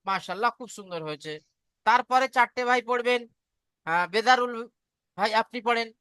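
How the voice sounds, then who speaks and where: Bright, crisp woman teaching Quran reading. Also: a little high, no echo. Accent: Bengali. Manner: patient, praising, slow drilled recitation. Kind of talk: online Quran reading lesson.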